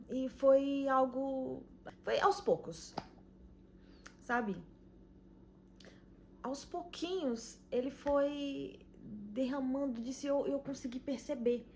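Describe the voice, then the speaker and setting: Woman, Brazilian accent, young adult, earnest, emotional, halting, a bit high-pitched. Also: slight background noise. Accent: Brazilian Portuguese. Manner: earnest, emotional, many pauses and "sabe?" tags. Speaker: channel host giving a faith testimony. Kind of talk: personal testimony vlog.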